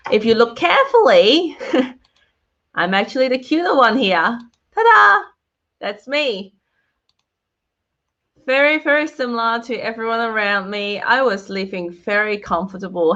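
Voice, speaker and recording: A woman's voice: mid-range voice, a bit bright, lo-fi sound. Cheerful woman presenting over a video call. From Hong Kong. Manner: cheerful, laughs often, speaks to viewers in the chat. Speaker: guest speaker. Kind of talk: online presentation with slides.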